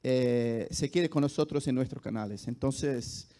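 A man from Brazil with a Brazilian accent, a native Portuguese speaker answering on a panel, haltingly searching for words. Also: mid-range voice, mellow. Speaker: esports executive, panelist. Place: large auditorium stage, indoors. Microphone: handheld microphone.

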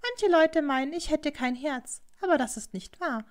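A woman reading a proud, cruel young geisha whose voice climbs far higher than the narration. She pleads and scorns in a shrill, pointed tone, with a lively, swooping pitch, for a storybook recording. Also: normal speed. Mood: cold.

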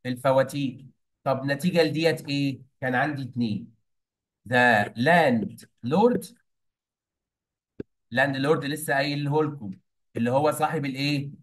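A man's voice: medium pitch, measured pace, long pauses, poor audio. A young man with an Egyptian Arabic accent explaining a play scene to students, mixing English words into his Arabic and quizzing them with prompts. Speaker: English teacher.

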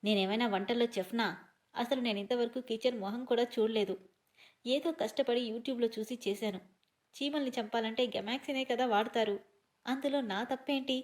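A woman's voice: fairly high pitch, normal speed, close to an everyday voice. A woman voicing a spoiled, hot-tempered young woman who snaps and sulks in a storybook reading. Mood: defensive. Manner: snappish and sulky.

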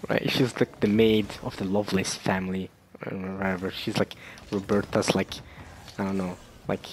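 A man's voice: low voice, little pitch movement, moderate pace, background noise. A young man vlogging in a casual, rambling way, with many fillers and restarts, often breaking into laughter. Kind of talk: casual chat.

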